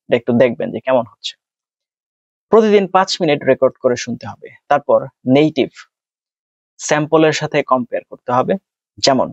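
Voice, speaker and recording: A man with a Bangladeshi accent and a mid-range voice gives a spoken tutorial as an exam tutor, laying out tips step by step and sprinkling in English terms. The recording is dry and dull-sounding.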